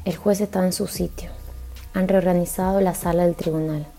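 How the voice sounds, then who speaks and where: Gravelly low-voiced woman reading aloud. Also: faint music behind. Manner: steady, measured first-person reading. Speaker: podcast host reading a book aloud. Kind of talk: audiobook-style reading.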